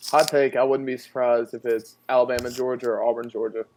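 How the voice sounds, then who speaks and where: A man's voice: mid-range voice, level tone, a little fast, a little mellow, a little hiss or hum. A young man guesting on a casual sports podcast, laid-back and hedging his picks.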